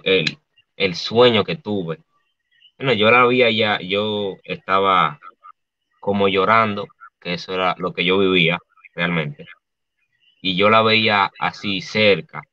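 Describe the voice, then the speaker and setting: A man with a Dominican accent, a guest artist speaking haltingly and softly, with many restarts, over dull lo-fi video call audio. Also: fairly low pitch, no echo. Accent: Dominican Spanish. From Dominican Republic. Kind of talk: emotional interview.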